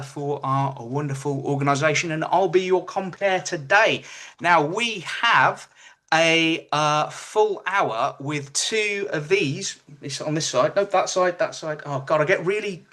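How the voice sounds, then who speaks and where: Bright, high-pitched upbeat man hosting. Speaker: webinar host, compere. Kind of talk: upbeat informal event hosting.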